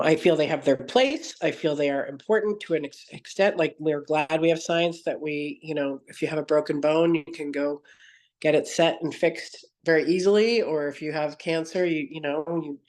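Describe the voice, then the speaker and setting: This podcast guest shares a long personal story in a conversational interview, earnest and prone to tangents, repeatedly correcting herself mid-sentence. Her voice sits low and darkish, with a steady tone at normal speed.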